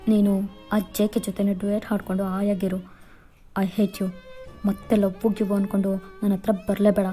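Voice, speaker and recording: A woman's voice: medium pitch, little pitch movement, moderate pace, warm tone, soft background music, close to an everyday voice. A woman voicing a cold young man who dismisses his girlfriend in curt, clipped lines, in a storybook-style fan fiction reading.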